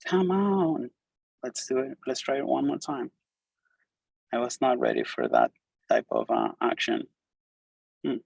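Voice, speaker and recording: A middle-aged Argentine man, a native Spanish speaker with an Argentine Spanish accent, gives an informal, enthusiastic live meetup talk with a demo, full of fillers and restarts. His medium-pitched voice is sing-song, creaky and a little mellow, at a measured pace with frequent pauses, on a dry recording.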